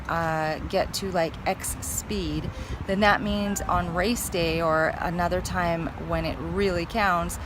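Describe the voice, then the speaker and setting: A woman chatting casually to viewers as a fitness vlogger, thinking aloud in a hesitant, musing way. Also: fairly low pitch. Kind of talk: casual vlog chat to camera. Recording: clear vehicle and outdoor noise.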